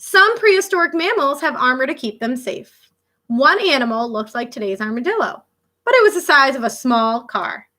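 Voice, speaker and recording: This is a teacher's read-aloud: a woman with a bright, high voice shares a nonfiction picture book with elementary-age children. She stops to react and explain, speaking expressively and directly to the kids, with casual asides.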